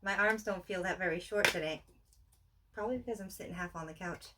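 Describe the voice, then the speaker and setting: Speaking fast in a lowish voice, a woman co-hosts a casual, unscripted unboxing on a couch at home, showing collection items with exclamations and self-deprecating jokes. The recording comes from a distant mic amid room noise.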